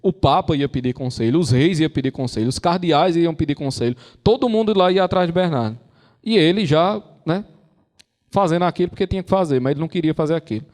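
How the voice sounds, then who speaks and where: A man with a Brazilian Portuguese accent lectures on intellectual and moral formation, telling stories conversationally and acting out the quotes. His voice is on the high side, a little mellow, fast and animated, with long hall reverb.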